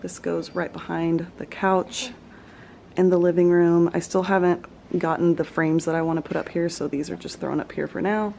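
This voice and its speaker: A woman's voice: lowish voice, moderate pace, gravelly, slight background noise. A young woman, chatting casually in a home vlog. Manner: chatty, relaxed, Southern "y'all". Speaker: vlogger. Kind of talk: casual vlog talk to camera. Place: home living room.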